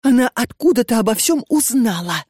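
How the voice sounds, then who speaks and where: A woman's voice: fairly low pitch, lively intonation, normal speed, dark tone, dry recording, clean studio sound. A woman reading an audiobook and voicing a distraught young woman who pleads frantically and breathlessly. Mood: pleading.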